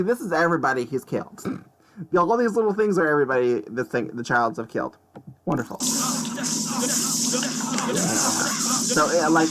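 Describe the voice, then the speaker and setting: A young man giving casual, excitable game commentary, often stammering and exclaiming. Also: mid-range voice. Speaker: gameplay commentator. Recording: loud background noise.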